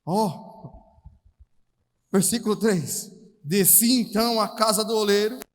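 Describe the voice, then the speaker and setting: A man with a Brazilian Portuguese accent preaching a charismatic sermon at a retreat, animated, calling out to the brothers and acting out Bible scenes in slangy everyday voices. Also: high voice, slow pace. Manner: calls out to the audience, repeating "irmãos". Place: large hall at a retreat. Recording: reverberant hall sound.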